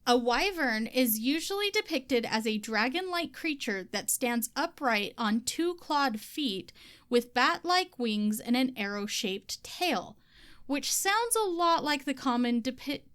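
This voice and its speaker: Female podcast co-host, high voice, laughing, swearing, reads research notes. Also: big pitch swings, unhurried, a bit bright, smooth. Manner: laughs often, casual swearing. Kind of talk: casual chat, reading research notes.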